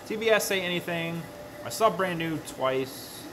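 This man's voice is high-pitched and animated, a little slow, with background noise. In his thirties, he works at a crafting table in a workshop room while chatting casually with his live stream, rambling and often correcting himself.

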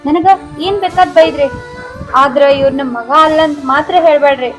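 Woman doing a meek young wife begging, soft and teary, high voice, music playing behind. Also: a little fast, lightly acted. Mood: pleading. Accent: North Karnataka Kannada. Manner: soft, pleading, tearful. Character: meek young wife, pleading and self-blaming. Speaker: daughter-in-law in a comedy skit. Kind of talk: village comedy drama acting.

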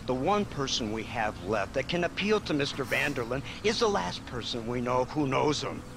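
Smug, sardonic Western government agent. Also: male voice, mid-range voice, big pitch swings, noisy background. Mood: smugly threatening. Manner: formal, sardonic, deliberate phrasing. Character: smug, menacing male government agent in old West. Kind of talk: video game acting.

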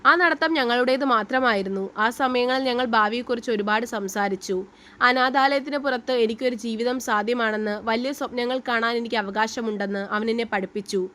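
A woman's voice: on the high side, brisk, fairly bright tone. Woman narrating a romantic story.

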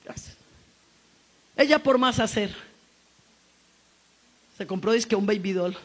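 Middle-aged woman preacher, husky, fervent, builds to shouting. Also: mid-range voice, measured pace. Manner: impassioned, rising to shouts. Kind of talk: church testimony sermon. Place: church service.

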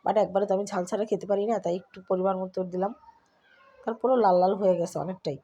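A middle-aged Bangladeshi woman talks chattily to her viewers as she works in her home kitchen. She has a cold, so her voice stays soft and easy. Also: medium pitch, fairly even intonation, fast talker, highs cut off. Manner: chatty, talks to viewers while doing chores. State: has a cold, speaks softly. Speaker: vlogger. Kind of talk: casual cooking and home vlog narration.

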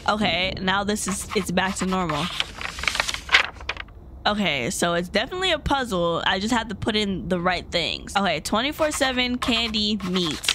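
A woman's voice: mid-range voice, very noisy. A young woman giving casual, slangy commentary as a scared, jittery horror game streamer. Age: young adult. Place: small indoor gaming room.

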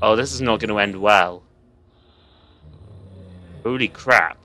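A man's voice: fairly low pitch, takes it slowly, bright, forceful tone. A young man, nervously commenting and swearing while playing a horror game for viewers. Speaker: gaming video host.

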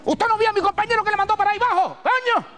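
A man's voice: very high-pitched, rapid-fire, bright, forceful tone, long reverb tail, faint music behind, pitched above the performer's own voice. A man voicing an indignant traffic policeman, barking, with a Canarian accent. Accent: Canarian Spanish. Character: angry rural traffic policeman.

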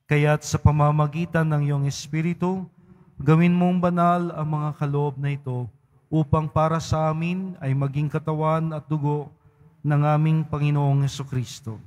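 Priest reciting prayers in an echoing church. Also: male voice, fairly high pitch, little pitch movement, a little mellow. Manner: solemn, measured recitation. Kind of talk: leading mass prayers. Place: large church. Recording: long church reverb.

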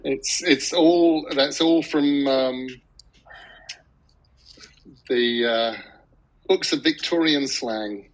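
A man of middling pitch talks in a casual commentary track. He is thoughtful and a little halting, pausing on fillers as he explains things. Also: poor audio.

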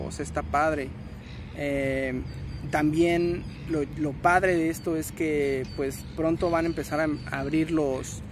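A young Mexican man vlogging to his phone in a city park, rambling in casual slang and correcting himself as he goes. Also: on the high side. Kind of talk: casual selfie vlog. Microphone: phone at arm's length. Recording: outdoor noise, passing traffic.

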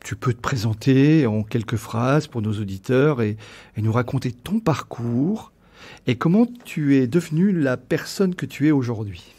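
A man's voice: mid-range voice, expressive, measured pace, a little mellow, breathy edge. A man hosting a podcast, speaking conversationally as he interviews his guest.

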